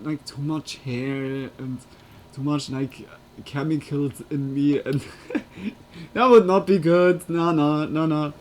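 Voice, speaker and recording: A woman's voice: low-pitched, fairly even intonation, takes it slowly, a little mellow. A woman chatting casually and giggling on a live stream, with loose non-native phrasing, into a USB desk microphone.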